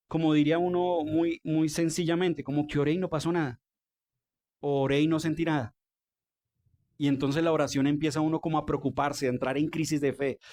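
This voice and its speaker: Colombian pastor, mid-high conversational sermon. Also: male voice, darkish tone. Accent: Colombian Spanish. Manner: conversational, asks the congregation questions. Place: church.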